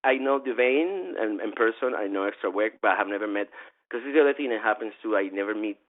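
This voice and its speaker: Venezuelan-accented male event organizer, low voice, rambling and animated, phone-thin sound. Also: quick pace. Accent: Venezuelan Spanish. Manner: rambling, animated, frequent restarts and laughs. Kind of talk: casual interview chat. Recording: tinny phone-like line.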